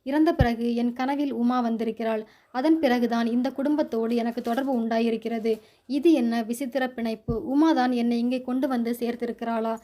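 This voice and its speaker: Casting: woman reading as a worried earnest young woman, soft mellow voice, a bit high. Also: fairly even intonation, normal speed, lightly acted. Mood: wondering.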